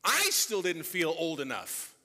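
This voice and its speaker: Thirties man, bright and animated, conversational preacher, echoing church hall. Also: a little high, unhurried. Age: 30s. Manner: reflective, conversational storytelling. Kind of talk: sermon. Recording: long reverb of a church hall.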